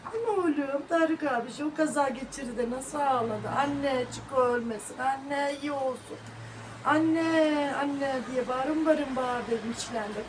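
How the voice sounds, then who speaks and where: A middle-aged woman with a high voice vlogs at home, speaking casually to her viewers in a sorrowful, prayerful way and sometimes calling sharply to her dog. Background noise is present.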